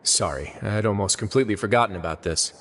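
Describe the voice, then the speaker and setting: An actor playing a composed, wry duke in a video game, speaking in a measured, courteous, teasing way. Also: male voice, lowish voice, heavy background noise, close to an everyday voice. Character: composed, wry male duke running a prison fortress. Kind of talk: video game character acting.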